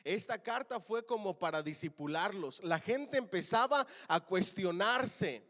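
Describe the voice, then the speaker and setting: A man preaching a sermon as pastor, calling the congregation to answer back and swinging between loud and soft lines. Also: high-pitched, expressive, unhurried, long reverb tail. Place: church.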